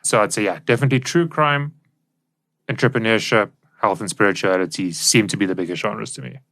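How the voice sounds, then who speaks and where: A South African co-host speaks a little fast in a fairly low, creaky, slightly bright voice. He explains things informally and casually during a podcast, recorded on a studio microphone in a professional studio.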